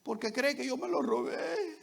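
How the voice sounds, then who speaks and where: A man's voice: very high voice, normal speed, vocal fry, husky, a faint crowd, heavily acted. Man voicing a scared eight-year-old boy. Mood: defensive.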